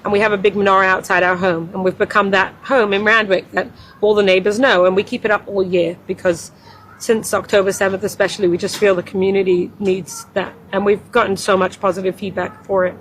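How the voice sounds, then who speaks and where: A woman's voice: mid-range voice, little pitch movement, fairly quick, a little hiss or hum, low-quality recording. A woman, speaking earnestly and with passion as an interview guest who runs a community center. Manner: earnest and impassioned, rising when quoting others. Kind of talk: emotional interview testimony.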